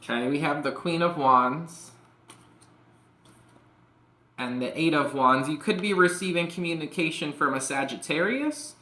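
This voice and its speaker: A man's voice: fairly high pitch, a little slow, long pauses, pushed and bright. A man giving a casual tarot reading, rambling and peppering his talk with "like" and "you know". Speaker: tarot reader. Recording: echoey room.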